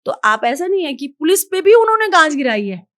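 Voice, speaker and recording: A woman's voice: high voice, big pitch swings, a little fast, a bit bright, dry recording, studio quality. A woman from Haldwani in India, speaking as a podcast guest in an outspoken, emphatic way and giving firm advice. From Haldwani, Uttarakhand, India. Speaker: podcast guest, entrepreneur and influencer. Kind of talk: podcast interview.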